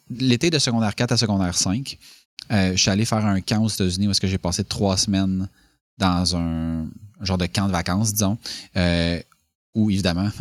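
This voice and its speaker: A man with a Quebec French accent talks casually in a lowish voice. He rambles, restarts his sentences and leans on filler words. The sound is close and dry, with no room around it. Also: no echo. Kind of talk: casual conversation.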